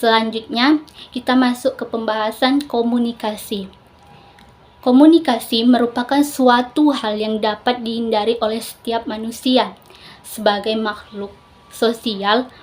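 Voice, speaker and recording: Presenting her assignment, this young university biology student follows a script and stops for explanatory asides. She has a somewhat high, slightly mellow voice, and there's slight background noise.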